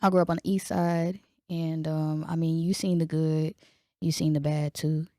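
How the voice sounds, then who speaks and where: A woman's voice: deep voice, flat delivery, normal speed, warm tone, slight background noise. A woman from Central Texas, a guest artist, speaking in a laid-back, matter-of-fact way. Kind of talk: casual conversation.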